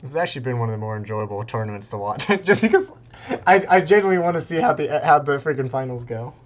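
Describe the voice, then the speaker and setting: A man's voice: mid-range voice, expressive, fast. Laid-back laughing male game caster. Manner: laid-back and rambling, laughs often, many fillers. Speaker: esports caster. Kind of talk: casual live game commentary.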